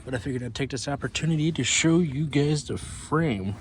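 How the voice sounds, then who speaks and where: A man's voice: medium pitch, expressive, a little fast, slight background noise. A man giving casual, rambling how-to commentary on his own repair job, with loose, self-deprecating asides. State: out of breath. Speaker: channel host.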